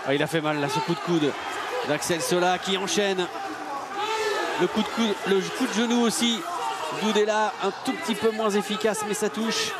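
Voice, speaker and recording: A man calling a fight live like an excited wrestling commentator, dramatically hammering each blow. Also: high voice, normal speed. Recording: loud crowd noise in arena. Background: noisy sports arena crowd.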